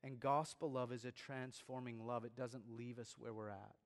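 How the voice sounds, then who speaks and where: A man's voice: medium pitch, flat delivery, moderate pace. A man preaching a sermon as pastor, earnest and growing emphatic. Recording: long reverb of a large room.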